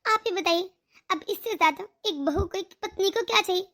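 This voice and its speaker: A woman's voice: very high voice, fairly quick, fairly bright tone. A woman voicing a stubborn, indignant young married woman in a cartoon. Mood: earnest. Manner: indignant, complaining. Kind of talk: cartoon voice acting.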